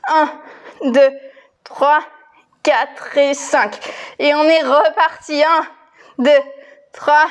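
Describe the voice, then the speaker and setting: A high-voiced woman coaches a home workout. She calls out moves and counts at an unhurried overall pace, with energetic, encouraging short commands. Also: dull audio. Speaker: fitness coach. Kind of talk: home workout instruction, calling out exercises and counts.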